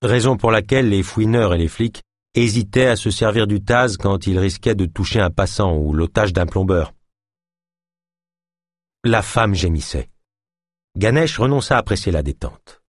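A man narrating a thriller novel as an audiobook in a steady, measured reading. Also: fairly low pitch, dry recording, clean studio sound.

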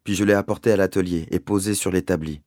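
Deep-voiced man reading a story aloud. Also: fairly even intonation, darkish tone, no room sound, studio quality. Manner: measured, deliberate storytelling. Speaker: narrator. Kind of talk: audiobook reading.

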